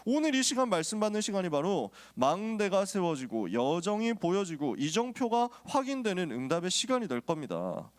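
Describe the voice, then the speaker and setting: A man's voice: high voice, moderate pace, few pauses. A male pastor preaching to a youth group, telling personal stories in a casual, joking way before urging his listeners on. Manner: lively storytelling, casual and joking, then exhorting.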